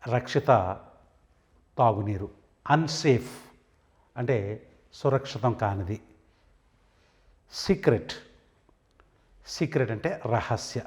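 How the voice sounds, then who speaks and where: Man, English teacher, deliberate pace, repeats each word, middle pitch. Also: a little mellow. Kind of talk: vocabulary lesson.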